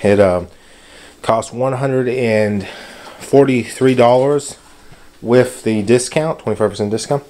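A home DIY video maker with a warm, mid-range voice narrates his own repair job at a measured pace, laid-back and plain-spoken. He talks from behind a handheld camera or phone, and the noisy audio has clicks in it.

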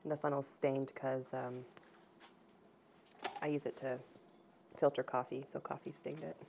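A woman in her thirties casually talking through a recipe in her home kitchen, relaxed and chatty, picked up by a camera across the room. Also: a bass voice, a little slow, creaky, a little hiss or hum. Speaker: home cooking vlogger. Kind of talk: casual cooking demonstration.

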